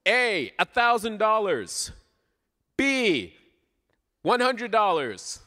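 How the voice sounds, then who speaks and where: Slow to the extreme and sing-song, this high, bright, forceful voice belongs to a Canadian guest preacher from Southern Ontario. He speaks informally and playfully, questioning his listeners conversationally, in a large church hall whose long reverb carries through the live recording.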